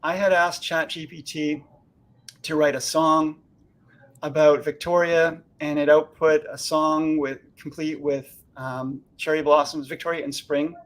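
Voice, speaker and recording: A man hosting a real estate chat show, enthusiastic and quick with praise. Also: on the high side, flat delivery. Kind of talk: casual chat.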